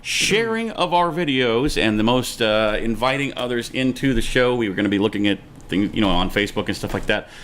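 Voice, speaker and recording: A man co-hosting a casual talk show, joking and chatting in a lively way. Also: mid-range voice, a little fast. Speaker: co-host. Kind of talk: casual chat.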